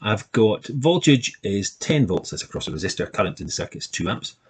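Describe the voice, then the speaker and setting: Male teacher, low husky voice, choppy recording that speeds up and slows down. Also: sing-song. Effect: choppy recorded audio that keeps speeding up and slowing down. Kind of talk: explaining a physics problem to a class.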